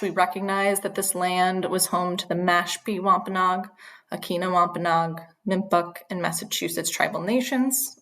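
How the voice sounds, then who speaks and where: A woman's voice: on the low side, fairly bright tone, rough recording. A woman clinical social worker hosting an online training session, speaking earnestly with frequent ums. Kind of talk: webinar presentation.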